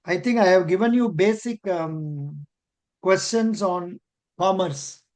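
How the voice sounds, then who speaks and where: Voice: mid-range voice, slow pace, darkish tone. An older interview coach with an Indian accent, giving mock interview feedback in an encouraging way and often repeating phrases.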